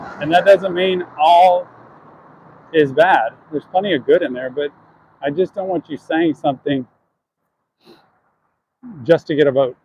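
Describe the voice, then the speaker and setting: A man's voice: on the high side, unhurried, pauses often, a little mellow, lo-fi sound, a little hiss or hum. A man chatting earnestly to his viewers while walking down city streets, answering questions from chat.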